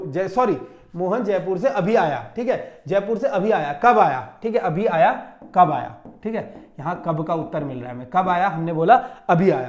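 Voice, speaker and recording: Going over a mock test in a Hindi grammar lesson, a man with a high, light, slightly mellow voice teaches like a coaching instructor. He repeats himself, elongates key terms, and checks in with the class with "theek hai" again and again.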